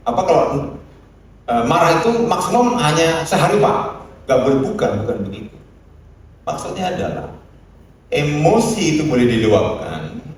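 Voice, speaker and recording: A man preaching a sermon with lively delivery, acting out scolding lines and putting questions to the congregation. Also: mid-range voice, slight background noise. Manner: animated preaching, acts out scolding quotes, asks the congregation questions. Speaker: pastor. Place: church hall. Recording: very echoey church hall, mic far off.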